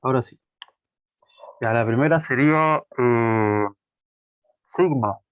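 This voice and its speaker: Slow hesitant man on a dull line. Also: medium pitch, no echo. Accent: Chilean Spanish. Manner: hesitant, calls the teacher brother. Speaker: student pastor. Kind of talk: answering in class.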